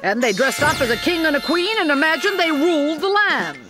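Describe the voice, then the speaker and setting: A woman telling a children's story in a high, lilting voice. Her pitch leaps and dips playfully, and music sits clearly behind her. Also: sing-song, a little fast.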